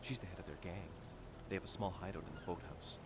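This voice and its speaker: A man's voice: low-pitched, quick pace, noisy background, natural voice. An actor playing an anxious, proud young man in a game, talking earnestly about his troubles. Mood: worried. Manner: earnest, worried.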